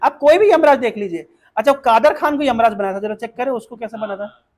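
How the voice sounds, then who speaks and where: High-voiced male preacher leading devotional talk. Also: fast talker. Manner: explanatory, asks the audience questions and leads call-and-response recitation. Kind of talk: devotional talk with verse chanting.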